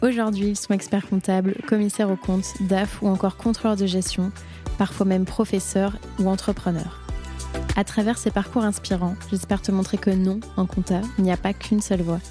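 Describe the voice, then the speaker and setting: Dark-toned woman podcast host. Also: mid-range voice, little pitch movement, moderate pace, faint music behind. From Brittany. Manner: hesitant, many fillers. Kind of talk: conversational interview. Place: coworking space.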